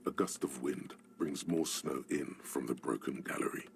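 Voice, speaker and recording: A male actor voicing a detective's knowing, sardonic inner voice as theatrical, deliberate game narration. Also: a little hiss or hum. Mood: knowing, observant. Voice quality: deep, gravelly.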